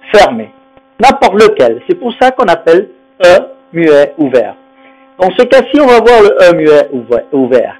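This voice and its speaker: A man teaching pronunciation in a high voice that swings up and down. He explains patiently, says each sound several times and keeps asking whether it is clear. Faint music and a low mains hum sit behind him. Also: a little mellow, low-quality recording. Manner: patient, repeats sounds and checks understanding. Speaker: French phonetics teacher. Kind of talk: explanatory lesson.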